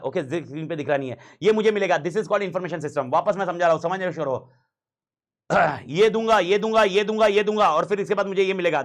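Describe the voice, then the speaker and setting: A man teaching a class in a casual, slangy way, repeating key points and mixing in English phrases. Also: high-pitched.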